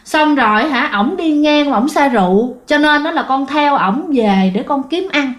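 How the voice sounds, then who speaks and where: A woman's voice: high voice, lively intonation, normal speed. Chatty woman telling ghost stories. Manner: chatty, addresses listeners directly. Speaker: ghost story host. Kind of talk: spoken ghost story narration.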